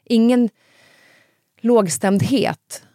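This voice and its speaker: A woman hosting a conversation, telling personal stories in a lively, chatty way. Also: a little high, no room sound, clean studio sound. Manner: lively storyteller, animated when quoting others. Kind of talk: casual conversation.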